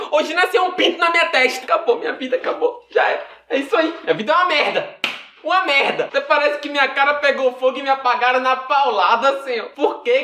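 A melodramatic teenage girl, played by a man, whines and swears in a bright, mid-pitched voice. She flips between self-pity and rage. The sound carries a roomy echo. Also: slight background noise. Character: foul-mouthed teenage girl, dramatic and hot-tempered.

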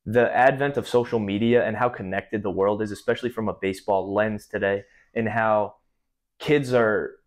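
Young man hosting a podcast, low voice. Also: fairly even intonation, moderate pace. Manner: thoughtful, long winding questions. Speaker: podcast host. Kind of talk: casual interview. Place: small indoor studio room.

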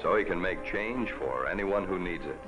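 A man narrating a 1950s TV commercial as a folksy, upbeat pitchman. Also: expressive, normal speed. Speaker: commercial announcer. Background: music.

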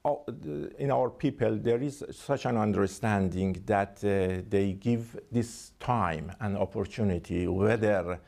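A man with a Persian accent, speaking English as a second language, giving formal, halting interview answers as a diplomat. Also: lowish voice, gravelly, a little mellow. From Iran. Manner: halting, hesitant phrasing with frequent 'I mean'.

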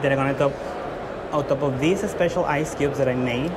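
A man's voice: medium pitch, fairly quick. Earnest man in a noisy hall. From Guatemala. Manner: earnest, with frequent fillers and restarts. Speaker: competing barista. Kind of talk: competition presentation to judges. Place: large indoor exhibition hall. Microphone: far camera. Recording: loud hall noise from far off.

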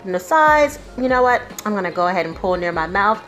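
Woman vlogger talking thru a face mask, excited, bit of music in the background. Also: mid-range voice, fairly quick, poor audio. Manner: enthusiastic, chatty. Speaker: beauty vlogger. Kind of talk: casual product review.

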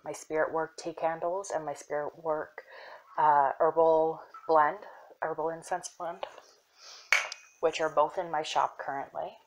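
A young woman casually showing her herb collection, soft-spoken and unhurried, with fillers and self-corrections that sometimes drop into a whisper. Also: deep voice, slight background noise, poor audio. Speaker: apothecary shop owner. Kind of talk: casual show-and-tell.

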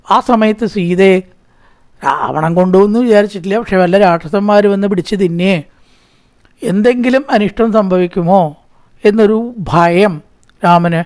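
A man's voice: high voice, a little mellow, no echo. Man chanting and explaining scripture. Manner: slowly chants verses, then explains in quick conversational talk; asks and answers his own rhetorical questions. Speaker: religious storyteller. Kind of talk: epic scripture discourse.

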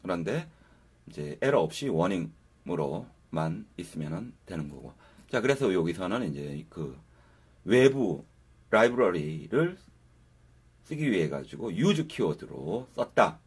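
A man's voice: deep voice, big pitch swings, a little slow, breathy edge. A man giving a casual, step-by-step coding tutorial over a screen recording, talking viewers through each step. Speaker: programming instructor.

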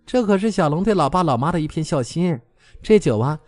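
A man's voice: on the high side, expressive, a little fast, darkish tone, no room sound, soft background music, pitched above the performer's own voice, natural voice. A man voicing a playful young woman who talks in a lilting, cajoling way, in an audiobook. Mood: coaxing.

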